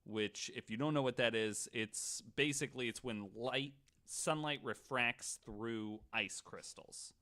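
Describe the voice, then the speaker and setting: Hosting a laid-back podcast, this man tells a story full of cursing, constantly dropping in "like" and "right." His voice sits at a medium pitch, moves a little slowly, and has a sharp edge to it.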